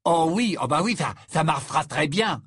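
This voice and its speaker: A man's voice: a little high, very animated, normal speed, husky, dry recording, studio quality, pitched above the performer's own voice. A man voicing a sarcastic, dismissive teenage boy in a storybook reading.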